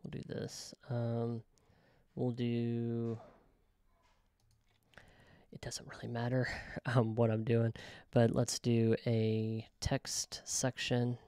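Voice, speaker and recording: A man casually talking through a software tutorial, thinking aloud with frequent ums and self-corrections. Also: mid-range voice, monotone, very slow, long pauses, clear, resonant tone, no room sound. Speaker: web developer tutorial host. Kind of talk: casual screen-recorded software walkthrough.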